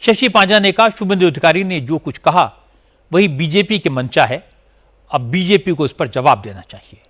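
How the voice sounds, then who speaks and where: A male news anchor delivers scripted narration in a steady, formal manner. His voice sits a little higher than most men's, and he reads from a studio mic. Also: moderate pace.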